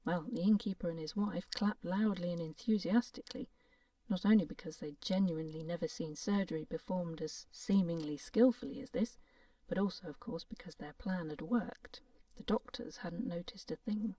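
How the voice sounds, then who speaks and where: A woman reads a fairy tale in a gentle, playful, soft-spoken way, slipping into half-whispers. Her voice is low and warm. The recording is dry and a little distant from the mic. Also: normal speed, no echo. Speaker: storyteller.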